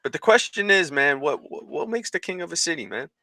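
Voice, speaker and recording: Bright-voiced man hosting a casual livestream. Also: fairly high pitch, lively intonation, fairly quick, gravelly, no echo. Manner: laid-back, laughs often, greets viewers. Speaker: podcast host. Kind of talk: casual livestream talk show chat.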